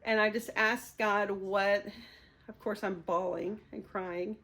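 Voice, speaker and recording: A woman's voice: mid-range voice, steady tone, takes it slowly, vocal fry, fairly bright tone. A woman in her fifties sharing a personal testimony, speaking candidly and with emotion, often laughing through hard memories.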